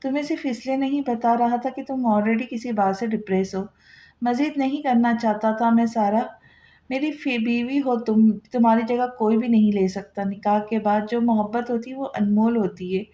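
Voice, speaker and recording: A woman's voice: a little high, normal speed, mellow, lightly acted. A woman voicing an earnest, loving young husband in a romance audiobook, speaking tenderly and soothingly. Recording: roomy, dull lo-fi recording.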